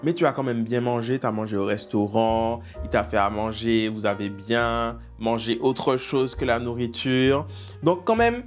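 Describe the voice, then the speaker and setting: A man's voice: mid-range voice, normal speed, soft background music. A man hosting a reaction video, reading viewers' dating stories aloud with teasing, mock-outraged asides.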